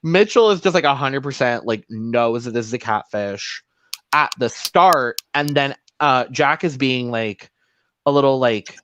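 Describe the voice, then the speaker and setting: A man's voice: mid-range voice, measured pace, fairly bright tone, a little hiss or hum. A man co-hosting a casual podcast, recapping a show and slipping into playful voices for quotes. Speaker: podcast co-host.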